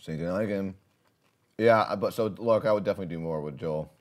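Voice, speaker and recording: A man's voice: sits low, brisk. A man casually chatting with his viewers while playing a game on a livestream, rambling and laughing often. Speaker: streamer.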